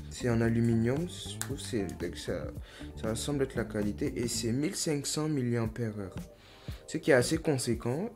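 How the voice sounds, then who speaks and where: A young man talking through an unboxing in a casual, thinking-aloud way, restarting sentences and reassuring himself. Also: mid-range voice. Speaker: YouTuber unboxing earbuds. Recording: music playing behind voice.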